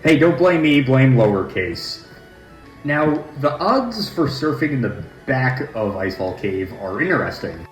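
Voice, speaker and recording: A man hosts a let's play at a middle pitch, chatting and joking his way through the game. His voice bounces around a large, echoey room at home. Soft game music sits low in the background. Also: big pitch swings, a little slow. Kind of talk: casual gameplay commentary.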